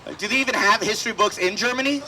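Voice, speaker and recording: Guy doing crowd work at an outdoor food fest, swears a lot, high bright voice, faint noise behind. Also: very fast, low-quality recording. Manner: profane, conversational crowd banter. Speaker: stand-up comedian. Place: outdoor food festival stage.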